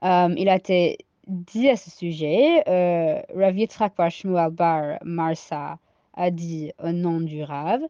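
A woman with an American accent, sick with a cold, teaching a daily Talmud lesson. She reads each Aramaic line and then translates it haltingly, with many fillers. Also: lowish voice, warm tone, no echo. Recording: dull lo-fi sound.

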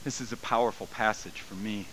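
Male pastor, sermon delivery, bright forceful tone, swells from hush to fervent, slight hiss on the recording. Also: lowish voice, fairly even intonation, a little fast, poor audio. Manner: swings from quiet reflection to loud, soaring emphasis. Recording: faint hiss.

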